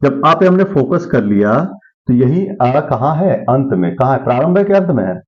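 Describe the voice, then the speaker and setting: A man's voice: mid-range voice, sing-song, normal speed, lo-fi sound. Man teaching Sanskrit grammar, quizzing aloud. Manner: asks questions and answers them himself. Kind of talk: classroom lesson.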